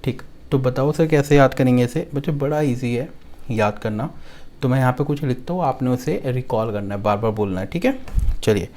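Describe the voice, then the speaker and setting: A Delhi-based male accounts teacher, with a Hindi-speaking accent and a mid-range, slightly mellow voice, lectures his students. He repeats important lines slowly, converts them into a rhyme to recite, and frequently asks if everything is clear.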